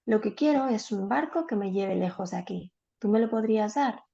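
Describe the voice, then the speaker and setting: A woman's voice: mid-range voice, animated, moderate pace, gravelly, warm tone, dull audio. A woman voicing a boy who grows into a tired old man in a storybook reading. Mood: weary.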